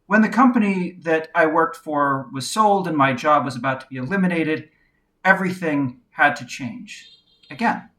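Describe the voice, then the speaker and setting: Woman, reflective first-person narration, quiet and measured, candid, pauses often. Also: deep voice. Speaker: video essayist.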